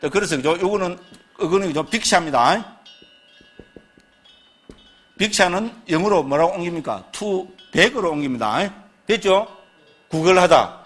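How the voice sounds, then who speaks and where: A man lecturing on Buddhist scripture, first reciting a text slowly and then explaining it with constant tag and rhetorical questions. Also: sits high, animated, a bit bright. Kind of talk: slow recited scripture reading, then lively classroom lecture.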